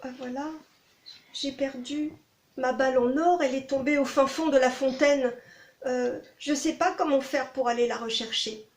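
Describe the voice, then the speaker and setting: A woman voicing a spoiled young princess in a storybook tale, high and wailing. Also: fairly even intonation, moderate pace, reverberant. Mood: pleading.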